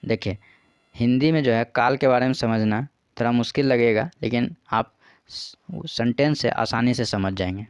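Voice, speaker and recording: A man's voice: mid-range voice, normal speed, clear, resonant tone, no echo, studio quality. Man teaching exam questions. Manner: patient, repeats "ठीक है" and "देखिए". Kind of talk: explaining practice questions.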